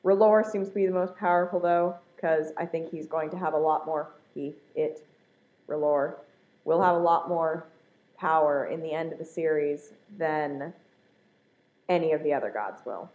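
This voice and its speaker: A woman speaks in a slightly low register, in a casual, chatty style. She is hesitant and thinks aloud as she answers questions. The sound is dull and lo-fi, like a simple home recording. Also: a little slow.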